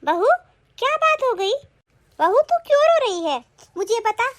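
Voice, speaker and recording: A woman's voice: very high voice, expressive, moderate pace, fairly bright tone. A woman voicing a kindly, affectionate older mother-in-law in a Hindi cartoon, speaking in a soothing, motherly way. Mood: concerned.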